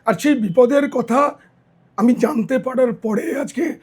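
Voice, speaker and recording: A middle-aged male journalist giving political news commentary, hoarse and tired, speaking earnestly straight to his viewers. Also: extremely high pitch, unhurried. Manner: earnest, direct address to viewers.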